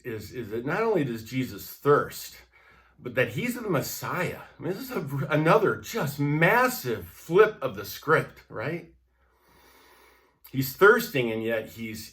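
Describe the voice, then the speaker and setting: Animated man giving a devotional talk. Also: mid-range voice, unhurried. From United States. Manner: conversational, emphatic, with repeated tag questions. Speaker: pastor. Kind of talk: devotional sermon.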